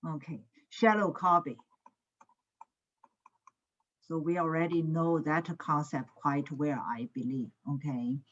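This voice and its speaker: A woman lecturing in an online class, heard through a screen recording. She talks slowly, often checks "is it?" and fills gaps with "uh". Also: deep voice, steady tone, dull audio. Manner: slow, with frequent "is it?" checks and "uh" fillers. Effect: screen-recorded online lecture audio. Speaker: computer science lecturer. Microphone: computer mic on a video call.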